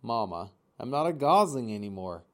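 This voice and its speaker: A man voicing an eager, defiant young male gosling in a storybook reading, pushing and whining in a high voice. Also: big pitch swings, moderate pace. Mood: indignant. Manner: high, pushy and whiny.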